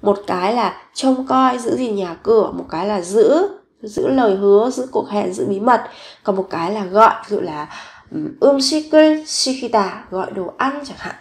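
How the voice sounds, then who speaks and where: Woman teaching Korean vocabulary. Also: medium pitch. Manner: slow, repeats each word several times. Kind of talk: recorded vocabulary lesson.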